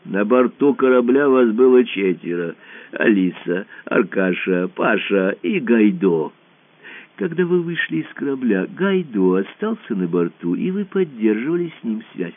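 A sly, cruel emperor who coos with false sweetness and swoops up and down in pitch, as a male narrator acts him out. His cajoling is smug and theatrical, with a hiss under the surface. It sounds thin and tinny, like a radio play over a phone line. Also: big pitch swings, unhurried. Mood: coaxing. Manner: falsely sweet, then hissing.

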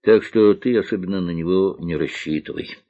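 A man's voice: sits low, moderate pace, warm tone, close to an everyday voice. A man doing a knowing boy pilot. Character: cocky boy pilot-sergeant, weary of promises. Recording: dull lo-fi recording.

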